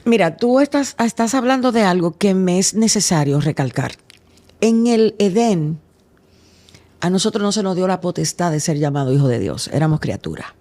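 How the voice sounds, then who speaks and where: A man's voice: high-pitched, lively intonation, moderate pace, darkish tone. A man who is a pastor, talking emphatically in conversation and asking rhetorical questions like a preacher.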